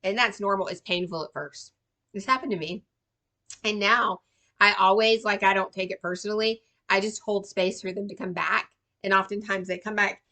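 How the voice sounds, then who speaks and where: A woman's voice: mid-range voice, steady tone, moderate pace, pushed and bright. A woman giving a casual, reassuring tarot reading to viewers, chatty with lots of fillers and "right?" tags. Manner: chatty, reassuring, many fillers and tag questions. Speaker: tarot reader.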